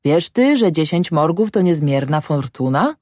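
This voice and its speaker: A woman's voice: low voice, very animated, unhurried, a little mellow, no room sound, studio quality, full character voice. Woman voicing a wary old peasant farmer. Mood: grumbling storytelling. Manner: rustic dialect, muttering and grumbling. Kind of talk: audiobook character voice.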